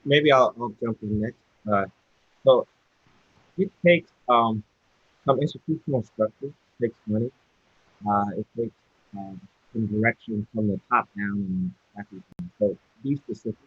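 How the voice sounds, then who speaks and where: Male professor, lowish husky voice, joining remotely over a patchy call that breaks up, halting delivery. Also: phone-quality sound. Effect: unstable online connection breaking up. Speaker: computing professor on a panel. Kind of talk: panel discussion. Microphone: video call.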